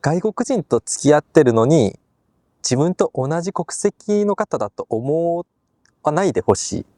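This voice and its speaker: Korean-born man, mellow, dry sound. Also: a little high, sing-song, unhurried, dry recording. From Busan, South Korea. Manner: earnest, gives advice, laughs easily. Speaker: guest. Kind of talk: casual conversation.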